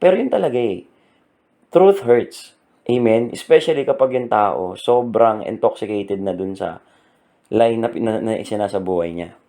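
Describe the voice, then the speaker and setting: A man's voice: on the low side, lively intonation, normal speed, gravelly, mellow. Earnest preacher man. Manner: earnest, asks the room "Amen?" often. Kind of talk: Taglish sermon talk.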